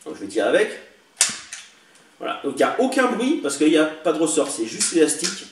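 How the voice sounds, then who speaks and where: A man's voice: fairly high pitch, sing-song, fairly quick. Chatty man on a distant, echoey mic. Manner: chatty, hesitant with many fillers. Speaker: toy collector vlogger. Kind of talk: casual show-and-tell demo. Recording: echoey room, distant mic, faint hiss.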